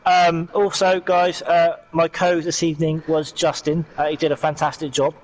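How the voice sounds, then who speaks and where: A man's voice: a little high, little pitch movement, normal speed, slight background noise, rough recording. A man hosting a league stream in casual, matey, informal chat.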